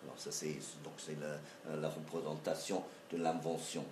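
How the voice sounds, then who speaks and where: A man's voice: very deep voice, little pitch movement, moderate pace, background noise. A man giving a lecture in a hesitant manner, full of fillers and restarts. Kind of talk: university-style lecture. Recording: echoey lecture room, faint ambience.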